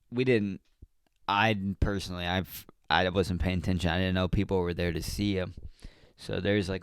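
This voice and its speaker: A man's voice: sits low, smooth, dry recording, clean studio sound. A man hosting a podcast, telling a rambling casual story with slang and fillers. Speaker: podcast host.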